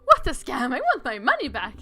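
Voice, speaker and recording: A woman's voice: sits high, wildly swooping pitch, fairly quick, pushed and bright, faint music behind, exaggerated voice. A woman voicing a headstrong, impulsive young princess from a visual novel game, brash and indignant.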